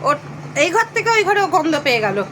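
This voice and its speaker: High-voiced chatty Bengali woman vlogger. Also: big pitch swings, quick pace, fairly bright tone, a little hiss or hum. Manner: chatty, addresses viewers as friends. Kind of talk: casual daily vlog narration. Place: family home. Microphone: phone camera.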